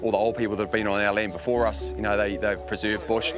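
A man with a New Zealand accent, a farmer speaking in a relaxed, reflective and halting way in a documentary interview. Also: fairly low pitch. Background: background music.

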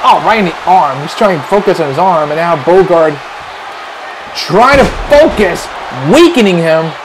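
A man doing excited play-by-play wrestling commentary, shouting at the big moves. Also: sits high. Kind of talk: excited wrestling commentary over a video game match. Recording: noisy with crowd roar behind.

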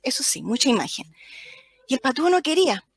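A woman with a Chilean accent, a teacher telling a lively anecdote as a guest on a video call. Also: sits high, fast, slightly rough, dry recording. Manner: animated, acts out the children's voices. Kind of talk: storytelling anecdote in live chat.

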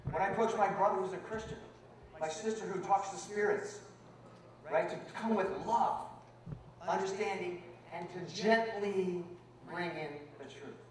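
A man's voice: sits high, moderate pace, a little hiss or hum. A man emceeing a rally, chatting playfully with the crowd before he brings on a comedian. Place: outdoor rally stage. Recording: echoey outdoor PA from far off.

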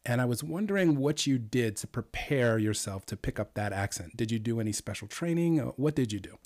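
A man's voice: mid-range voice, lively intonation, fairly quick, a little mellow. A man hosting an online interview, friendly and full of praise, with hesitant fillers. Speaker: interview host. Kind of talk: casual interview.

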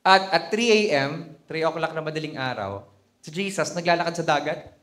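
A man with a Filipino accent delivers a conversational sermon. He tells it like an animated story and adds laughing asides. His speaking voice sits fairly high for a man. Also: normal speed. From Philippines. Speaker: bishop preaching.

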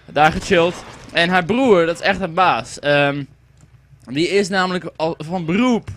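A man's voice: a little high, unhurried, a bit bright, no room sound. A young man giving casual, rambling commentary while playing a game, and swearing when it lags. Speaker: gaming commentator. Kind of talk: casual let's-play commentary.

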